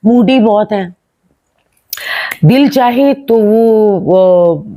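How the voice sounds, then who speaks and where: An older woman reminisces to camera in a lively, storytelling way, slipping into imitations of others. Her voice is mellow and warm, recorded close and dry with no room sound. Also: medium pitch, drawn-out words, no echo. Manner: lively storyteller who mimics other people. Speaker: film actress.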